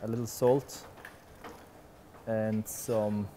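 This man has a lowish voice and draws out his words as he explains a dish mid-cook. He's a head chef in his 40s, working in a big restaurant kitchen and talking in an easygoing, explanatory way full of "uh"s. He wears a lapel microphone, and a faint hum sits in the background.

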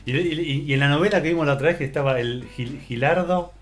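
A man's voice: fairly high pitch, fast talker, faint music behind. A man from Argentina hosting a reaction video, chatting casually and stumbling over names. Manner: relaxed, stumbles and repeats words.

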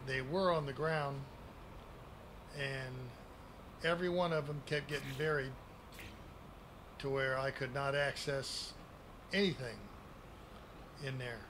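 A man's voice: mid-range voice, fairly even intonation, slow, long pauses. Folksy grandpa type guy in his 60s, takes his time talking, casual game tour, noticeable background noise. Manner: grandpa-like, folksy, plain-spoken. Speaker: gaming video creator giving a base tour. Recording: clearly noisy home recording.

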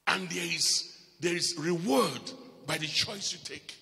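A man preaching a live church sermon as bishop, swinging between loud emphatic calls and quiet asides. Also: a little high, measured pace, vocal fry, in a large hall.

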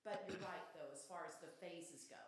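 A woman's voice: on the low side, moderate pace. A middle-aged woman giving earnest public comment at a city council meeting from a podium microphone. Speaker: resident speaking at public comment. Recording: echoey council chamber with faint hiss.

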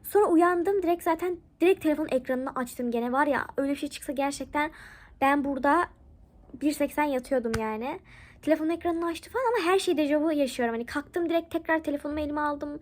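A young woman vlogger telling a story to camera at home in a chatty, animated way, hushing her voice at the tense parts. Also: sits high, fast talker. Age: young adult. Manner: animated, chatty, drops to a hush at tense moments. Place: home living room.

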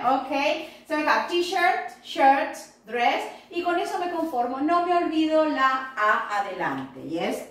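A woman's voice: sits high, a bit bright, distant mic. Woman teaching kids in an echoey room. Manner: slow, drawn-out model phrases for repetition; answers for the unseen pupils herself. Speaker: English teacher for young children. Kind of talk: online class video, mixing Spanish and English. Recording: very echoey room, voice a bit off-mic.

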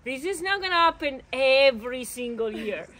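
A woman in her thirties talks casually to a camera. Her voice is very high and her manner upbeat and excited. She is outdoors, a short distance from the camera mic. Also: moderate pace. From Italy. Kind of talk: casual vlog chat to camera. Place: outdoors at a lakeside, a few steps from the camera.

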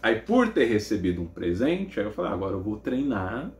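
A man with a Brazilian Portuguese accent preaching, telling a personal testimony as an animated story and acting out the dialogue. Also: on the low side, a little fast, echoey room, a little hiss or hum.

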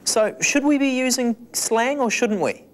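A woman's voice: on the high side, measured pace. A woman reporter chatting and asking questions in street interviews.

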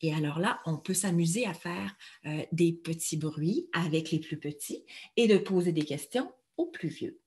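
A woman's voice: fairly low pitch, expressive, unhurried, darkish tone. A woman presenting an early literacy workshop, theatrical and given to character voices and whispers when she reads aloud.

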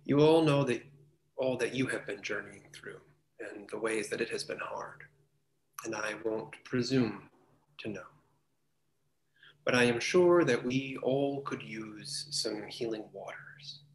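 Slow, gentle man preaching. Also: mid-range voice. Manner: gentle, pastoral, unhurried. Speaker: pastor. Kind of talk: sermon. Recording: roomy church with faint noise.

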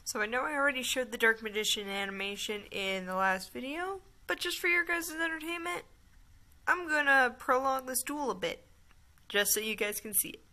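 Bright, high-voiced woman gamer. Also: lively intonation, normal speed, slight background noise. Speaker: gaming video creator. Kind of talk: casual gameplay commentary.

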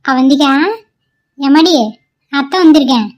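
In a cartoon, a woman plays an anxious, caring middle-aged mother-in-law who swings between soothing and fretting and calls on god. Her voice is high and darkish, with fairly even intonation and a slightly slow pace.

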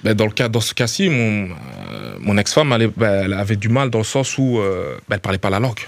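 Very animated and quick, this Liège-accented Belgian footballer chats casually in a small radio studio, repeating words while searching and using a familiar "tu vois." His voice sits on the low side and sounds creaky, recorded dry on a studio mic with headphones.

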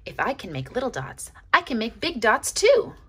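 A woman's voice: on the high side, wildly swooping pitch, normal speed, husky, voice pushed up, heavily acted. A woman voicing a frustrated but determined young schoolgirl in a storybook, blunt and emphatic.

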